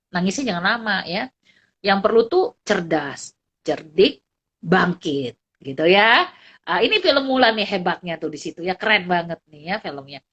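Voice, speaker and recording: Animated woman lecturing online. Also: on the high side, lo-fi sound. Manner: lively, chatty, ends phrases with tag questions. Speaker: psychology lecturer. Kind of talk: online class talk.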